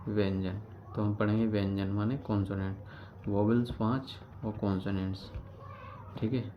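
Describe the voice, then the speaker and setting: Over a dull, lo-fi recording with background noise, a fairly low-voiced man explains grammar at a moderate pace. His delivery is flat as he walks through each step, repeats the key terms, and answers questions he poses himself.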